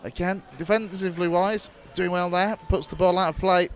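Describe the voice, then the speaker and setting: A man calling live football play-by-play for an internet club radio stream, brisk and steady, rising sharply when a chance comes. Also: high-pitched. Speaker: football commentator.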